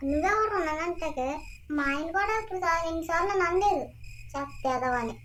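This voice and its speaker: A man voicing a sharp-tongued young woman in a comic cartoon, scolding and bickering. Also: extremely high pitch, fairly quick, slight background noise. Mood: scornful.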